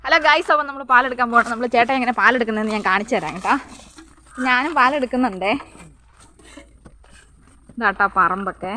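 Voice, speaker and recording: Strolling through a rural plantation with a phone in hand, a woman keeps up a chatty walk-and-talk vlog, frequently addressing her audience. Her voice is fairly high, bright and forceful, her pace fairly quick but broken by long pauses, and slight background noise is present.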